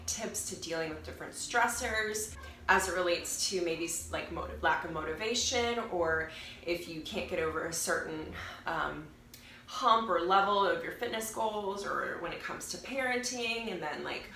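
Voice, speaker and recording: Still nasal and stuffed up from a cold, the young fitness vlogger speaks unhurriedly in a lowish voice that sounds pushed and bright. Her casual chat to the camera rambles and self-corrects. Faint noise and a roomy echo sit around her.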